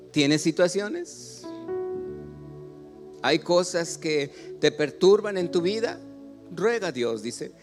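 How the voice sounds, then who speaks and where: A Mexican pastor with a voice on the high side preaches a sermon. He asks the congregation questions, has them read along, and often builds to loud exclamations.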